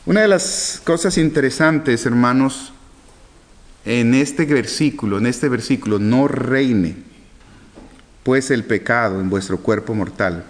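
A man preaching a Bible teaching sermon, reading verses slowly and then asking and answering his own questions. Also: mid-range voice. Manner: animated, swinging from loud to hushed.

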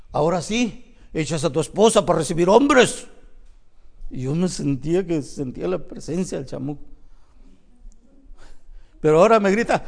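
A pastor delivers an emphatic evangelical sermon. His voice sits fairly high for a man, and he swings from loud, ringing cries to hushed asides. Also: gravelly.

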